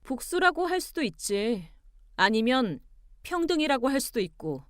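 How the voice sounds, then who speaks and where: A woman voicing a composed young wife who argues back calmly and pointedly. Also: high voice, moderate pace, dry recording, clean studio sound, voice pushed up. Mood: cool firm. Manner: calm, pointed, arguing with cool logic.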